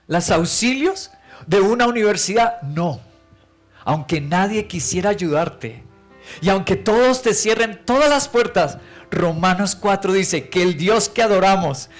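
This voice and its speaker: A male pastor preaches with emphatic force and piles up rhetorical questions. He tells his stories vividly in a fairly high voice. Faint instrumental music sits under his words. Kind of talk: sermon.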